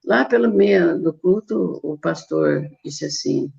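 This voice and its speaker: Older brazilian lady telling her testimony, super gravelly voice, dull lo-fi stream audio. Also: deep voice, expressive, slow pace, darkish tone. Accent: Brazilian Portuguese. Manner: storytelling with acted quotes of herself. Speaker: guest giving testimony. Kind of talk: personal testimony.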